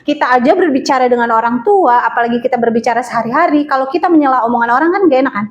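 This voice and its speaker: A woman's voice: high voice, very fast, muffled recording. A woman teaching a class on phone etiquette in a chatty way, with many fillers and questions to her students.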